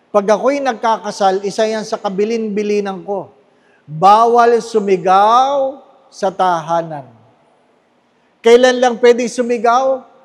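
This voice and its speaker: Filipino male priest, high voice, slow deliberate homily, long church echo. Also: a little mellow. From Philippines. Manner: conversational preaching with tag questions to the congregation; slow, emphatic, repeating key phrases. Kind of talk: sermon. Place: large church with long reverb. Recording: echoey church hall.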